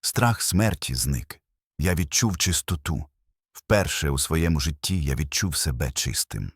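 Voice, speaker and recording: An older man tells his personal testimony in a very low, husky voice. His delivery is earnest and emotional, with short phrases and a lively rise and fall of pitch. The sound is dry and close. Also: a little slow, no echo. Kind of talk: first-person testimony narration.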